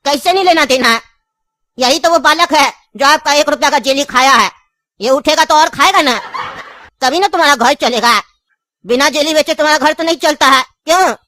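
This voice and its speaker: A woman's voice: sits high, moderate pace, bright, forceful tone, slight background noise. A woman voicing a scheming, insistent old grandfather in a cartoon, speaking with a tinge in a pleading, long-winded way.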